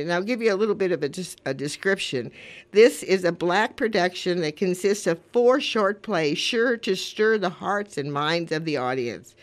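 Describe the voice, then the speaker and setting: Een vrouw van in de tachtig presenteert een buurtradioprogramma en leest mededelingen voor in een losse, gemoedelijke praatstijl. Met haar vrij lage stem klinkt ze oprecht en dwaalt ze graag wat af.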